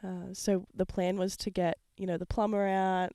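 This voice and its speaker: A young woman co-hosts a podcast with a hoarse, sick voice and plenty of vocal fry. She explains things in an earnest, straightforward way. The recording is dry and close. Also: mid-range voice, flat delivery, moderate pace, warm tone, dry recording. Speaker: podcast co-host. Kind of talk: casual chat. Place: outdoors, lying in a hammock.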